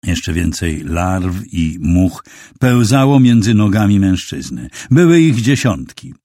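Deep-voiced male audiobook narrator. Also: slow pace, no room sound, studio quality. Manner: expressive, dramatic reading.

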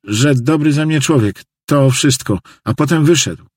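A man's voice: a little high, measured pace, breathy edge, dry recording, clean studio sound, pitched above the performer's own voice. A man doing a shaken, frightened old church janitor. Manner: raised, earnest, insistent voice.

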